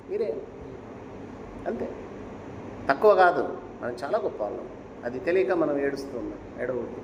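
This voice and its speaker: A man's voice: fairly high pitch, darkish tone, slight background noise. A man giving a devotional discourse and telling a sacred story, urging listeners with rhetorical questions. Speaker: spiritual speaker. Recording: echoey hall with faint ambience.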